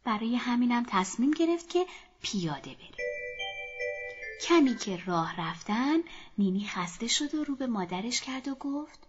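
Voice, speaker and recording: Soft-voiced woman telling a children's story. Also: a little high, sing-song, husky, faint music behind. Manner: soft, often half-whispered, addressing children. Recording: dull lo-fi recording.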